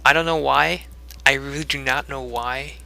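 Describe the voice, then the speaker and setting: A man's voice: mid-range voice, steady tone, moderate pace, vocal fry, pushed and bright. A young man giving casual commentary on his own gameplay video, rambling with many fillers and restarts and a little out of breath.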